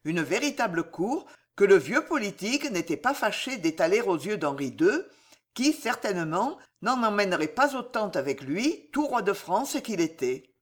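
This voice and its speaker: A woman narrating a historical novel in an audiobook, in a measured, expressive manner. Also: medium pitch.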